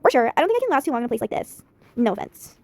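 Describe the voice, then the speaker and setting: A woman's voice: fairly high pitch, very animated, very fast. A woman voicing a breezy young city influencer in a story game, a little unsure of herself.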